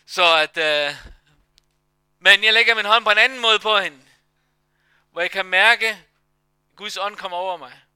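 Male pastor testimony, high bright crisp voice, dry close sound. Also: long pauses, dry recording. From Denmark. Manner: emotional storytelling with hesitations. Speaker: pastor and massage therapist. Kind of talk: sermon testimony.

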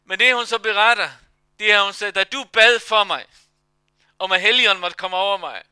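High bright Danish-speaking preacher man. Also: clear, resonant tone, no echo. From Denmark. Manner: emotional storytelling with hesitations. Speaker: pastor and massage therapist. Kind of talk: sermon testimony.

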